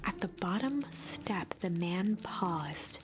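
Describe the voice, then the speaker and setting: A calm storybook game narrator. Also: female voice, lowish voice, slow pace. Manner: drops to a hushed whisper for tense passages. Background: game music.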